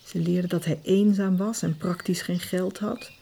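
A woman reading a novel aloud as narrator, calm and measured. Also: on the low side, vocal fry, slightly rough. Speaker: audiobook narrator. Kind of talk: scripted narration.

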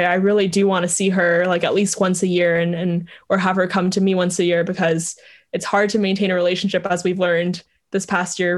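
A young woman from Vietnam, a startup co-founder, chatting casually as an interview guest, with frequent laughs and fillers. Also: mid-range voice.

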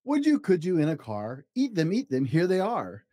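An eager, persistent little storybook food-pusher, voiced by a man, coaxes in sing-song questions. The pitch is high and leaps about playfully. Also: huge pitch swings, normal speed, warm tone. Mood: eager persuasion.

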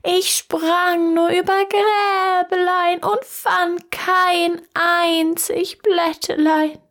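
A woman doing a high bleating lying goat. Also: flat delivery, fairly bright tone, heavily acted. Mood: whiny. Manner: slow, high bleating sing-song.

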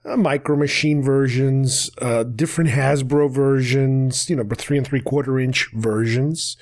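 A man's voice: medium pitch, steady tone, unhurried. A man hosting a podcast, talking casually and enthusiastically in a rambling way. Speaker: podcast host. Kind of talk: casual solo podcast talk.

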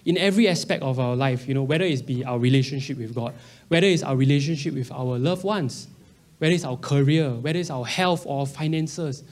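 A man's voice: medium pitch, brisk. A man in his early thirties with a Singaporean accent, giving a conversational sermon in colloquial Singlish, full of local particles and slang. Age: early 30s. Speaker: preacher.

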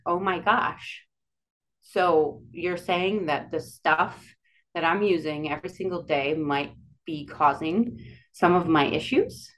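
A woman from the Dakotas with a Dakota accent, telling her own story casually and haltingly as a podcast guest. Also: sits low, a bit bright, poor audio. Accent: Dakota, Upper Midwest. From Dakotas, United States. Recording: clear background noise.

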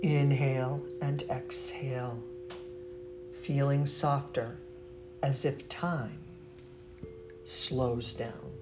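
A yoga nidra instructor leading a guided meditation in a soothing, gentle, deliberate way with long pauses. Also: mid-range voice, over music. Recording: muffled, noisy recording with steady humming tone.

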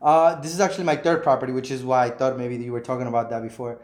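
A man's voice: medium pitch, steady tone, racing. A man in his thirties speaks earnestly and frankly, repeating himself and leaning on "you know". His voice bounces around an empty, echoey apartment. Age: 30s. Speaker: realtor and property investor, guest. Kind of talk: casual interview. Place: vacant apartment unit indoors.

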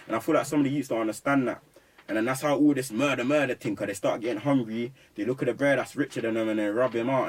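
A young man with a London roadman accent, talking emphatically and preachily in heavy street slang in a casual interview. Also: mid-range voice. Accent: London roadman, urban slang. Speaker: rapper being interviewed. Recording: slightly distant microphone.

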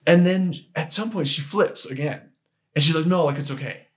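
Speaking at a moderate pace in a voice that's a little high, a young adult man guests on a podcast. His personal story comes out in rambling, casual talk, full of restarts and the filler "like."

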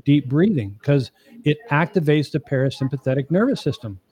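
Earnest middle-aged man, higher voice. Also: lively intonation, a little fast, a little mellow, husky. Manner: earnest, explains step by step; emphatic, often asks the listener "okay?". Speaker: marriage coach guest. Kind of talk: podcast interview.

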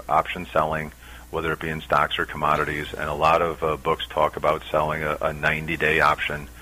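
A middle-aged man, a commodity options trader, explaining his strategy as a guest on a radio interview, steady with frequent "uh" pauses. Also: very deep voice, rough recording.

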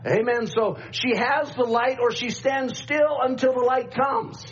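A middle-aged pastor preaching a sermon at a pulpit microphone, repeating refrains and calling for amens. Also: male voice, very high voice, a little slow. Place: church sanctuary, at a pulpit microphone. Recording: dull church recording with faint hum.

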